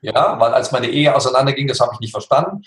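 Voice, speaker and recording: A middle-aged man telling his life story as an interview guest, animated and emphatic, full of rhetorical questions. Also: mid-range voice, quick pace. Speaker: interview guest, coach and actor. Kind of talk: conversational storytelling. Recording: roomy echo.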